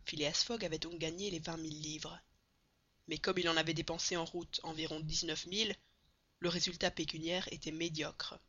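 A woman narrating a classic novel as an audiobook, with expressive reading that builds at dramatic moments. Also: sits low, normal speed, husky, dull audio.

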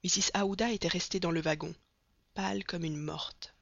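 An audiobook reader narrating a classic novel in a steady, measured way, in a dull, dry recording. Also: medium pitch, vocal fry, no room sound.

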